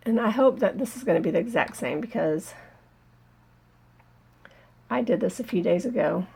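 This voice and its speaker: A woman talks through a hands-on embroidery tutorial in a casual, chatty way, with frequent ums while she works. Her voice has a gravelly, creaky edge. She has a cold and sounds slightly short of breath. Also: medium pitch, lively intonation, unhurried, long pauses, mellow. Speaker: embroidery channel host.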